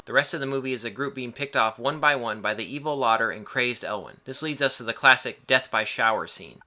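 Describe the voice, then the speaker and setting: A man's voice: medium pitch, brisk, pushed and bright, a little hiss or hum. A man reading a scripted film review in a casual way, with wry, joking asides.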